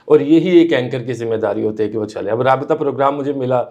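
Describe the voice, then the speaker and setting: Gravelly-voiced man, earnest. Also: mid-range voice, warm tone. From Pakistan. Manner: earnest, explanatory, mixes in English phrases. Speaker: guest, radio and TV news anchor. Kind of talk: conversational interview answers.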